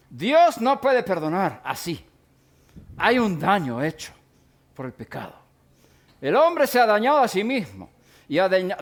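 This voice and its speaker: A middle-aged man gives a sermon-style Bible lesson in a fairly high voice that swings widely up and down. He speaks deliberately, pausing to define and repeat his key words. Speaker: Bible teacher.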